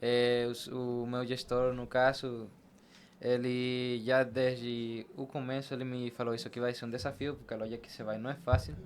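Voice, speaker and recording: In a level, medium-pitched voice at normal speed, a man tells his experiences as an interview guest on a conversational podcast. He's a barber who leads a shop team.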